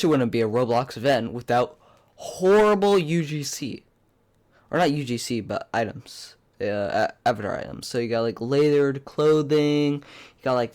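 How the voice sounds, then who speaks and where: A young man with a congested, pinched-nose voice from a cold, giving rambling, blunt, casual commentary as a YouTuber. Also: mid-range voice. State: sick with a cold. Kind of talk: casual opinionated video commentary.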